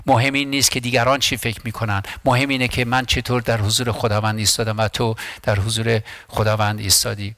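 A man's voice: medium pitch, flat delivery, hardly any pauses, pushed and bright, no echo. A man preaching a sermon as pastor, impassioned and emphatic, repeating phrases and often restarting words.

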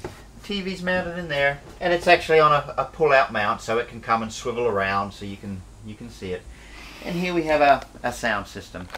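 A middle-aged man walks through a boat tour in a relaxed, plain-spoken way, pausing on ums and restarts. His voice sits at an ordinary middle pitch. The camera mic picks up clear outdoor noise around him. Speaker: boat charter owner giving a tour. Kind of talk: casual walkthrough tour. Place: aboard a catamaran, cabin and open cockpit.

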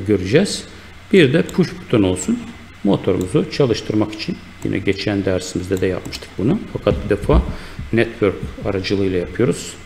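A man with a low, gravelly voice walks through a screen-recorded software tutorial step by step. He speaks in an unhurried way, pausing on fillers and correcting himself as he clicks along. A faint hiss sits under his voice. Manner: unhurried, explanatory, with frequent fillers and self-corrections. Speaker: instructor.

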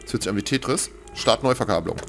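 Lively, low-voiced game commentator. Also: male voice, fast talker, gravelly. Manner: excitable, jokey, drops to whispers in tense moments. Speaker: let's play commentator. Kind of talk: gaming commentary. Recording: gameplay music playing behind.

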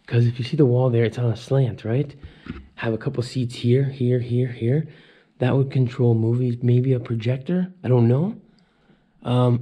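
Dull audio from a handheld camera carries a man's medium-pitched, slightly breathy voice. He's in his thirties, an urban explorer vlogging casually as he wanders the interior of an abandoned house damaged by fire, musing to viewers.

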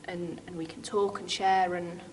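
A woman's voice: fairly low pitch, flat delivery, normal speed, a little hiss or hum. Thoughtful woman in an echoing studio. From United Kingdom. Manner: thoughtful, hesitant, many restarts. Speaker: dance artist. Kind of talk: reflective interview answers. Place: large dance studio, indoors.

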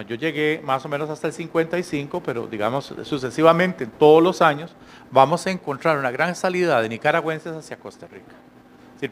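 A middle-aged man speaking on an academic panel into a handheld mic in a conference hall, measured and hesitant, often checking with the audience. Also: on the high side, fairly bright tone, slight background noise. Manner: measured, frequent hesitations, rhetorical tag questions.

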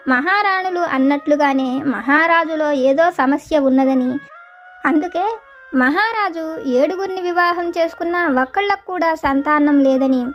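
A woman narrating a folk tale about a king and his queens in a steady, even storytelling manner. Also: sits high. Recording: dull lo-fi with faint music.

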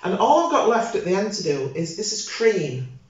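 A woman's voice: mid-range voice, very animated, moderate pace. Chatty older woman in an echoey room. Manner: chatty, rambling, self-correcting. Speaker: home cooking host. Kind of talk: casual cooking demonstration. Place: home dining room, indoors. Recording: very echoey room, dull lo-fi sound.

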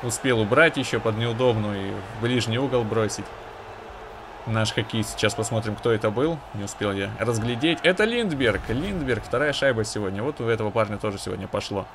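A man's voice: lowish voice, a little fast, background noise. A man giving casual, conversational commentary on his own hockey video game, with analytical asides to viewers.

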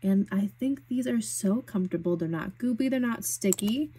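A young woman chats casually as she swatches makeup, gushing and enthusiastic with plenty of fillers. Her voice has a soft, breathy edge, and her pitch sits in an ordinary middle range. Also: moderate pace. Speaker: beauty vlogger. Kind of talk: casual product swatching chat.

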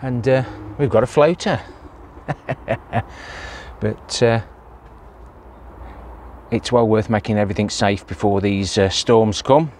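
This allotment vlogger speaks slowly with long pauses in a lowish, slightly mellow voice, chatting plainly outdoors by his greenhouse with plenty of "uh" fillers. A little hiss or hum can be heard.

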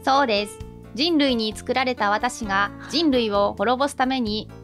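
A woman playing a clunky evil AI bent on wiping out humanity, speaking in calm, flat, menacing statements in an improvised comedy skit. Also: fairly high pitch, normal speed, lightly acted. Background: clear background music.

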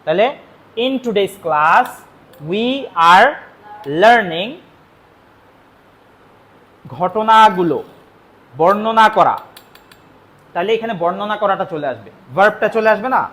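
Man, high-pitched teacher voice, slow, repetitive classroom explaining, mixes Bengali and English. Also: fairly bright tone. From Bangladesh. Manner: explains slowly, repeats each phrase, switches between Bengali and English. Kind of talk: classroom grammar lesson.

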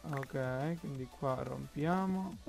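A man with an Italian accent commenting on his own Minecraft play, slow and halting, thinking aloud with many fillers. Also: medium pitch, creaky, darkish tone, soft background music. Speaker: gaming YouTuber.

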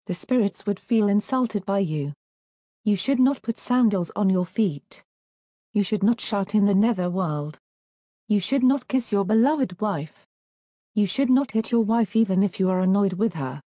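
Storybook warrior king, male, stern instructions, mellow tone, dry sound, woman reader. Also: medium pitch, no room sound, lightly acted. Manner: lamenting, then commanding. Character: grieving proud young warrior king, male. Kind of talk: storybook reading.

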